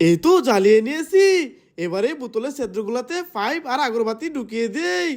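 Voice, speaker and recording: A woman with a high voice in a scripted family comedy skit. She talks chattily, explaining each step of a homemade trick as she goes. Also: expressive, fairly quick, darkish tone.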